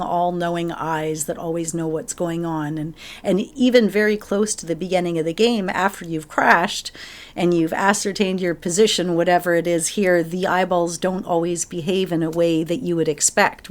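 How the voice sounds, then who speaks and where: A woman co-hosting a retro gaming podcast, recapping a game's backstory in an eager, chatty way. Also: lowish voice. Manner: enthusiastic storytelling with laughs. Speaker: podcast co-host. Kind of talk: casual chat.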